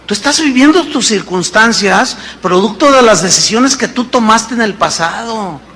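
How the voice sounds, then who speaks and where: High, bright-voiced pastor in his fifties. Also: normal speed, slight background noise. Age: 50s. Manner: animated preacher asking rhetorical questions. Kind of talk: sermon.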